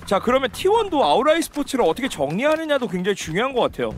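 A man's voice: extremely high pitch, sing-song, very fast. A man giving live analytical commentary on a video game match as an esports caster. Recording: clear game and vehicle noise behind.

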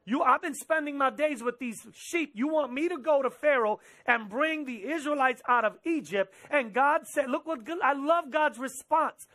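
A man in his thirties preaching a sermon from a church stage into a headset mic, animated and gesturing, slipping into quick quoted asides. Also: very high-pitched. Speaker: pastor. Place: church stage with drum kit behind, indoors.

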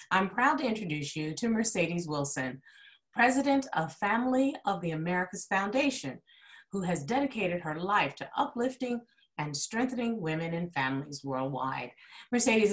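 A woman's voice: fairly low pitch, lively intonation, normal speed. A woman hosting an interview over a video call, polished and gracious, asking questions with emphasis. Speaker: talk show host, interviewer.

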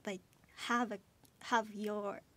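A woman's voice: mid-range voice, flat delivery, takes it slowly, fairly bright tone. A woman in her early twenties with a cute, girlish, anime-like voice, chatting hesitantly as an interview guest in a studio. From Japan. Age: early 20s. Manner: hesitant, searching for words. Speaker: guest, voice actress. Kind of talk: casual interview chat. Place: small radio studio, indoors. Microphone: desk gooseneck microphone.

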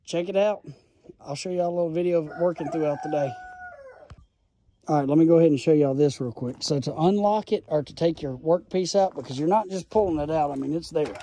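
Man, high-pitched voice, chatty and excited DIY reviewer, phone mic, faint noise behind. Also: a little fast. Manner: enthusiastic, folksy, rambling explanations. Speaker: tool reviewer. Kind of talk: casual phone-filmed tool review. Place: outdoors in a gravel yard, then a garage. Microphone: phone camera held in hand.

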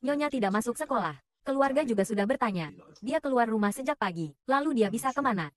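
A woman dubs a short drama, voicing every role in her own everyday voice. She speaks fast, expressively, and on the high side.

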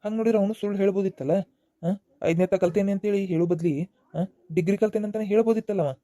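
Cartoon dad, voiced by a man: high, dark, North Karnataka accent, fussy and emotional. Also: fast, no echo, close to an everyday voice. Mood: approving. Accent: North Karnataka Kannada. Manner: scolding, emotional, repeats himself. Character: aging father of a grown daughter, stern then remorseful. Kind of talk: cartoon voice acting.

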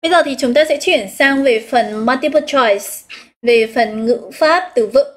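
A woman with a Northern Vietnamese accent leads a live English exam review, her voice a little higher than most. She explains each answer step by step, stretches out the key words and calls out what her students chose. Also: unhurried. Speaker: English teacher.

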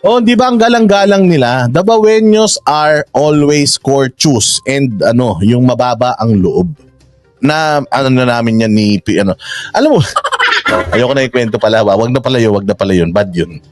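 A man's voice: mid-range voice, expressive, moderate pace, darkish tone, dry recording, faint music behind. A man giving casual political commentary in a sarcastic, argumentative manner.

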